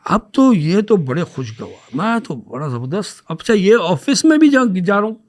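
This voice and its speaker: A man on a podcast telling a personal story in a casual, anecdotal way, dropping English words into his speech and acting out the dialogue as he retells it. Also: sits high. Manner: animated, acts out dialogue when retelling.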